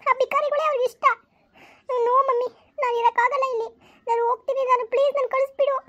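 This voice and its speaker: A woman's voice: extremely high pitch, little pitch movement, quick pace, a bit bright, muffled recording. A woman voicing a tearful young daughter who whines, sobs and pleads in a family skit. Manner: whining, pleading, sobbing complaints.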